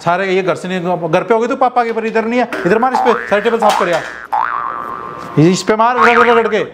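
A man's voice: very high voice, a little fast, very noisy. A man playing an angry boss in a staged office prank, scolding and threatening in a bossy way.

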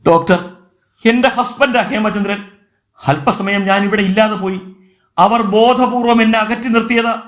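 A woman's voice: flat delivery, normal speed, pauses often, natural voice. Man putting on a frantic young mother's voice. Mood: distraught. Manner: pleading and shrill with panic.

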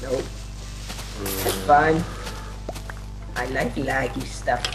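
A man's voice: mid-range voice, animated, drawn-out words, over loud music. A man chatting casually while playing a game with friends, rambling and giggly and often trailing off. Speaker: game player. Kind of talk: casual gaming chat. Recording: noisy voice chat capture.

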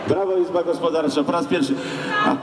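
High-pitched male auctioneer in an echoing hall. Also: brisk. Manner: repeats prices insistently, urging bidders on. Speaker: auctioneer at a charity ball. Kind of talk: live auctioneer calling bids. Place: large sports hall at a banquet. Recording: echoey hall, distant mic, loud crowd. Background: loud crowd of guests.

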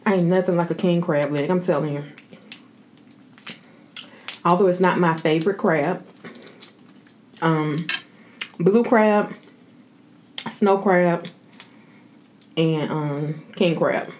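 A woman chats casually as a mukbang host, savoring her food and talking between bites with drawn-out mms. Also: on the low side, darkish tone, slight background noise. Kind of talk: casual eating chat. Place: indoor home setup with plain backdrop.

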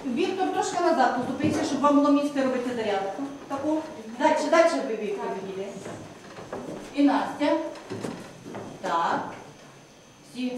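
A Ukrainian kindergarten teacher, a woman, leading little children through a lesson in a coaxing manner and drawing words out slowly as she demonstrates. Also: high-pitched. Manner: lively, coaxing, slow and drawn out when demonstrating. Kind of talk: classroom lesson with small children. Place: kindergarten classroom. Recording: echoey classroom from far off, noisy.

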